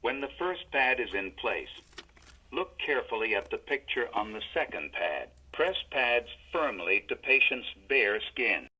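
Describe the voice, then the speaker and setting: A man voicing a defibrillator prompt, giving calm, impersonal step-by-step instructions as the machine. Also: mid-range voice, a little slow, slightly rough, full character voice. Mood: calm, instructive. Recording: dull, lo-fi device audio.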